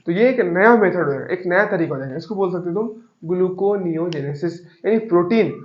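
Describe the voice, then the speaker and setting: A man with a high-pitched voice teaching a class, explaining patiently through everyday examples and repeating each key term. The sound is roomy and echoey, and the recording is dull and muffled. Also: lively intonation, brisk. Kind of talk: classroom lecture.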